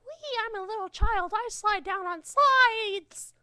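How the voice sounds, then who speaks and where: A man's voice: very high voice, slow pace, bright, forceful tone, no room sound, clean studio sound, pitched above the performer's own voice, full character voice. Man putting on a shrieking gleeful little child. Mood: giddy glee. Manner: singsong, mock-childish.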